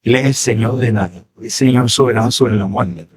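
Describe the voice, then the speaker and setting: Male pastor, Colombian accent, mid-pitched, theatrical sermon delivery with sudden loud peaks and rhetorical tag questions. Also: moderate pace, husky. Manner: animated preaching, dramatic swings in pitch and loudness. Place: church.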